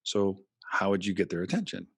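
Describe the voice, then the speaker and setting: A man's voice: low voice, fairly quick, gravelly, breathy edge, dry recording, studio quality. A man, a former radio host, talking casually and animatedly as a podcast guest. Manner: animated, talks in long stretches, acts out quotes. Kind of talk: casual interview chat.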